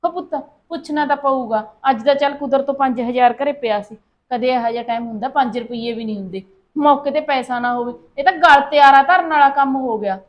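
A woman's voice: high-pitched, a little fast, lo-fi sound, lightly acted. An actress playing a thrifty middle-aged mother-in-law who scolds in a lecturing way, with a Punjabi accent. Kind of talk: short-film acting.

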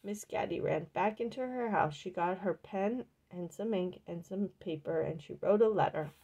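Casting note: woman storyteller reading a picture book aloud, gravelly and creaky, mid pitch. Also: moderate pace, dark tone.

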